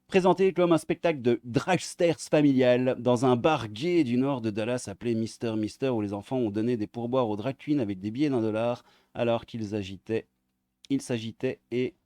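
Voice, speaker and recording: A man with a mellow, warm voice reads articles aloud and comments on them sarcastically. He is crude and blunt and drops into mutters. The sound is dry and close. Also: mid-range voice, normal speed, dry recording. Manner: crude, sarcastic, mutters asides under his breath. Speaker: online video commentator.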